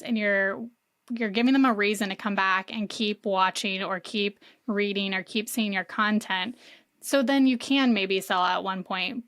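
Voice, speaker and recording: A woman's voice: medium pitch, a bit bright, no echo, clean studio sound. A woman guest on a podcast, explaining marketing casually with many "like" fillers. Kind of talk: conversational interview.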